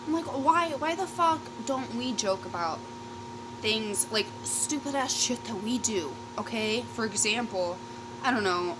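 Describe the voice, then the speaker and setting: A YouTube vlogger with a high-leaning female voice chats casually through a rambling storytime while eating, cursing, trailing off and interrupting herself often. The background is noisy.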